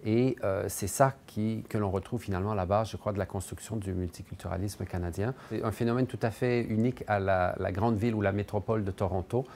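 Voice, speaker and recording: A man's voice: fairly low pitch, fairly even intonation, fairly quick, hardly any pauses, a little mellow, slight background noise. A man as an expert commentator, explaining in a thoughtful, hedging way with frequent fillers. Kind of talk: explanatory interview.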